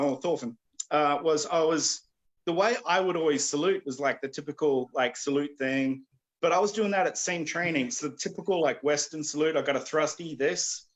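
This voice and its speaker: A man with a slightly raised pitch gives a casual lesson over a video call. He rambles, leans on "like" as a filler and keeps clearing his throat. He comes from Australia or New Zealand. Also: a bit bright. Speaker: combat instructor. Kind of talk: casual virtual class talk.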